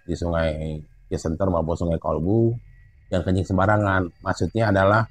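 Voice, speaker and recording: A man casually telling a true story from a mountain hike, growing animated and high as it gets tense. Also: normal speed, no echo. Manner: animated, rising pitch when excited, Jakarta slang. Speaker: storyteller guest.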